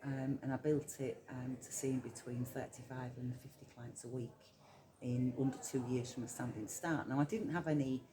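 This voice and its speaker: A middle-aged hypnotherapist from Yorkshire, England, speaks with a Yorkshire accent as a casual interview guest, her very deep voice fairly even in intonation at normal speed. She's chatty and reflective, with lots of ums and soft laughs, against a noisy background.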